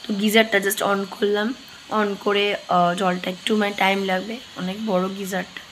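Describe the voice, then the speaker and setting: A hoarse woman, chatting through her day at home as she cooks. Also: mid-range voice, flat delivery, normal speed, slight background noise, low-quality recording. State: hoarse, straining to speak. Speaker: vlogger. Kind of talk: casual daily vlog narration. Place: home kitchen.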